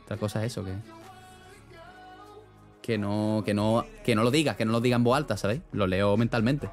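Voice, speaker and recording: A man's voice: on the low side, steady tone, a little fast. Young man, slangy streamer chat, faint music underneath. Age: young adult. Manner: rambling, slangy, laughs often. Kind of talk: casual chat reading live chat.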